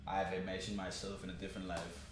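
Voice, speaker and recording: Low-voiced young man in an echoey room. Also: level tone, quick pace, over music. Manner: profane, rambling, many fillers. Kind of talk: casual chat. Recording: very echoey room with faint noise.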